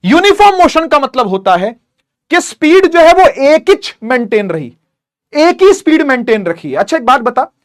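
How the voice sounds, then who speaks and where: Young male tutor, high voice, energetic, repeats and quizzes students constantly. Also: moderate pace. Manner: energetic, repetitive, questions students directly. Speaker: teacher. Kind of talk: online lecture.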